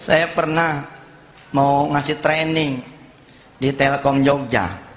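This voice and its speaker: A middle-aged man preaching a sermon, telling stories and acting out the dialogue with lively energy. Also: medium pitch, slow. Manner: lively storytelling, acts out dialogue. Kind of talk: sermon with anecdotes. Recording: long hall reverb.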